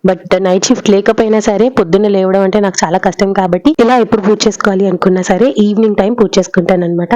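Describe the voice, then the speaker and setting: A mother narrating her family vlog in a rapid, chatty voice-over. Her voice is dark and mellow, recorded close and dry. She talks straight to her viewers, slipping English words in as she goes. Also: mid-range voice, steady tone, dry recording, low-quality recording. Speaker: parenting vlogger and mother.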